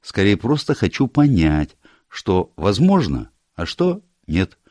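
Man reading a tired cautious old lawyer, probing questions, lively pitch, dry close sound. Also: slow, no echo, heavily acted. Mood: weary, cautious. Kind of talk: audiobook character reading.

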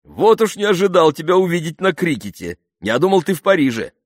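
A man voicing a boastful, cheerful young male aviator who talks loudly and exuberantly. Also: lowish voice, sing-song, moderate pace, no echo, clean studio sound.

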